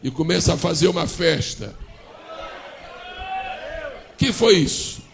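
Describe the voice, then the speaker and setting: A man's voice: on the high side, expressive, a little slow, gravelly. A male pastor with a Brazilian accent, preaching a sermon as a dramatic story and calling on the congregation to answer. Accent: Brazilian Portuguese. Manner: dramatic storytelling with call-and-response.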